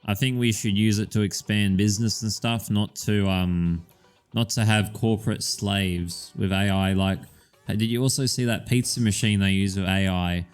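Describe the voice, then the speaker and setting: A man's voice: on the low side, fairly even intonation, moderate pace, clean tone, faint music behind. A man co-hosting a podcast in casual chat, rambling with lots of "um"s and casual swearing. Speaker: podcast co-host.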